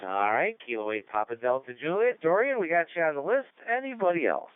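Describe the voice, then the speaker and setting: A man's voice: fairly high pitch, very animated, a little fast, smooth, dry recording. A man hosting a ham radio net in a chatty, rambling way, heard over a radio link. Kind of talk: casual on-air net chat. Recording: narrow radio-link sound, dry.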